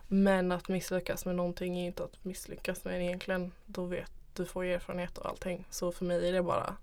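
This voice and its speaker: A young woman talks candidly as an interview guest. Her voice sits a little low and has plenty of vocal fry. She is reflective and informal in the way she phrases things. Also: completely flat delivery, a little mellow. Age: young adult. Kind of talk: candid personal conversation.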